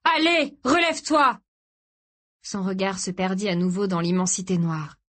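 A woman reading a dramatic novel aloud in a steady, grave storytelling voice. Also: lowish voice, brisk. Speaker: audiobook narrator. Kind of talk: scripted dramatic narration.

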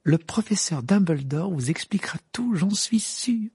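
A fond, fussing mother witch from a storybook, her voice lifted high and swooping, as a man reading aloud puts her on. The tone stays husky and dry. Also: animated, normal speed, darkish tone, no room sound, heavily acted. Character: warm middle-aged mother witch, fussing.

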